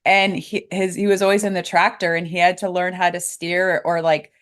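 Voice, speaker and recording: A woman's voice: lowish voice, little pitch movement, moderate pace. A woman, a coach and speaker guest on a podcast, chatting cheerfully. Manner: cheerful, laughs often. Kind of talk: casual interview chat.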